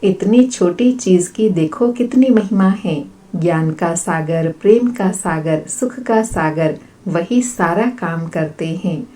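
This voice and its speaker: Woman, religious discourse reading, measured delivery, lowish voice, warm sound. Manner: measured, steady recitation. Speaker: spiritual reader.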